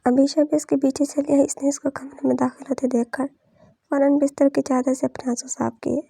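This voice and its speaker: A woman reads a novel aloud in a steady, scripted storytelling manner. Her voice is high yet very dark in tone, with gravelly fry and a husky edge. The recording is dry and close, with no room sound. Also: a little fast, no room sound. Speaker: audiobook narrator.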